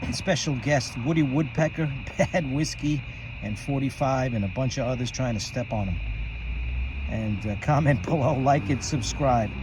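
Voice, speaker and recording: A man's voice: medium pitch, moderate pace, background noise. A man presenting a video like a radio DJ, with an announcer's showmanship. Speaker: host.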